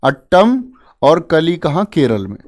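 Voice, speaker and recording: A little high, a little slow and a little mellow, this man's voice is very animated as he teaches exam prep. The lesson is casual and playful, with jokey memory tricks to coax students along. He chats easily and calls listeners "bhai."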